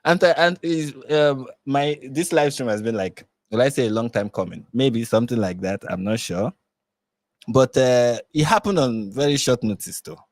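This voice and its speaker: A Nigerian man hosts a casual live stream, rambling with plenty of fillers and restarts and laughing often. His voice is medium-pitched at normal speed, with no echo.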